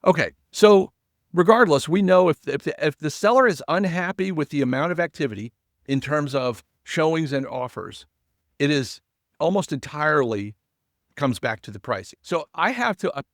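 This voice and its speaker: A man hosting a real estate podcast, talking emphatically, with big swings in pitch and loudness. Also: no echo, studio quality. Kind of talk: casual podcast chat.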